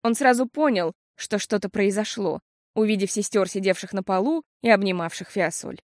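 A woman's voice: mid-range voice, normal speed, no room sound, clean studio sound. Woman narrating an audiobook expressively.

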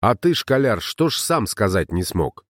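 A man reading a blunt, grumbling young herbalist in a storybook tale, the voice low and slightly raised for the role, dry and close. He speaks plainly and mutters. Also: very animated, moderate pace, no echo. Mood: musing. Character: gruff young male herbalist wanderer.

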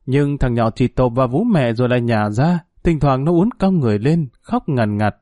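Dark-voiced man reading a grim story. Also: mid-range voice, no room sound, clean studio sound. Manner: measured, grave reading. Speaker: narrator. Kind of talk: scripted story narration.

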